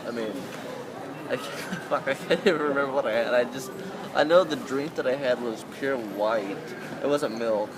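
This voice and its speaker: Out on a busy urban street full of traffic noise, a man conducts a casual interview, talking in a rambling, informal way and cursing freely. He speaks at normal speed in a medium pitch.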